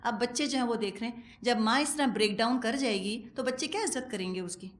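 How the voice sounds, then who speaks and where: A middle-aged woman giving a religious lecture as a Quran teacher, conversational and animated, with wry humor and acted-out asides. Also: a little high. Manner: animated, acts out quoted speech.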